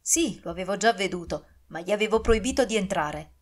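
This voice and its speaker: A woman's voice: mid-range voice, animated, a little fast, lightly acted. A woman reading a harsh, domineering nobleman. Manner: curt, harsh commands. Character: arrogant male nobleman, cold and domineering.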